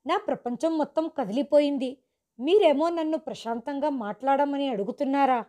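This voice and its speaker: A harsh, demanding young man who confronts his mother with loud, forceful questions, read by a woman narrator. The voice sits high, with a dark, mellow tone. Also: moderate pace, close to an everyday voice. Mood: angry.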